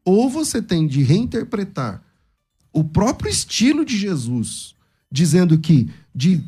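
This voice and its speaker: A man's voice: high-pitched, slow pace, breathy edge, soft background music. A man with a Brazilian accent, debating a point of scripture and arguing it with energy. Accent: Brazilian Portuguese. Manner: argumentative, lively, quotes scripture with changing intonation. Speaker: pastor in a debate. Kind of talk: theological debate.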